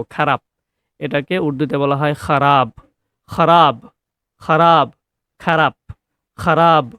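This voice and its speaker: Male teacher, slow drilling repetition, slightly high voice, dry close sound. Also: a bit bright, dry recording. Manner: slow, repeats each word many times in call-and-response drills. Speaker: Urdu teacher. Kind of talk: vocabulary lesson with drilled repetition.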